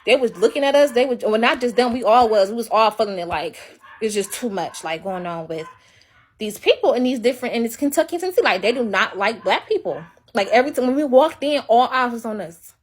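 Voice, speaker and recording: A woman's voice: fairly high pitch, animated, brisk. A young woman venting on a casual livestream, ranting bluntly and emphatically with a lot of profanity.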